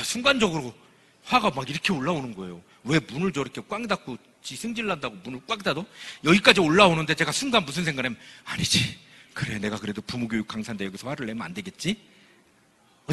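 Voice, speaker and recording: A middle-aged man lecturing parents in a church hall, his high, very bright voice swinging widely as he tells stories. He acts out the people he quotes with a slightly husky edge. Long reverb from the hall trails after his words. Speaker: professor giving a parenting lecture. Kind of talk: lively lecture with storytelling.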